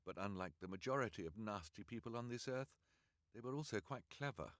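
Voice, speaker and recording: A man reading an audiobook aloud on a livestream, in an expressive, measured way. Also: fairly low pitch, no room sound, studio quality. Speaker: audiobook reader.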